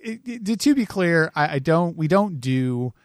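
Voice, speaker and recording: A man's voice: a little high, expressive, measured pace, no echo. Man, podcast co-host, casual chat, dry close sound. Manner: plain, chatty, reads listener reviews.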